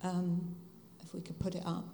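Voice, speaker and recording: A woman's voice: fairly low pitch, completely flat delivery, normal speed, dark tone, a little hiss or hum. A mature woman with a Home Counties English accent, speaking reflectively and conversationally as an interview guest, explaining things to an audience. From Hertfordshire, England. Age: 50s or older. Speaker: guest speaker, spiritual director. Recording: reverberant hall.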